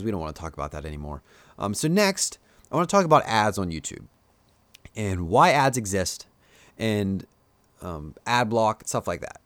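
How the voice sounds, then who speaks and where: A man with a Pennsylvania Dutch accent speaks in a fairly low voice, recorded dry, during a casual live stream. As a YouTuber, he chats loosely with his viewers, rambling through plenty of fillers as he offers his opinions.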